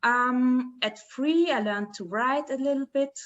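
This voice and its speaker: A woman in her twenties from the Dominican Republic, a podcast guest talking in a halting way, searching for words. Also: sits high, a bit bright, muffled recording. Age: 20s. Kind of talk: casual interview chat.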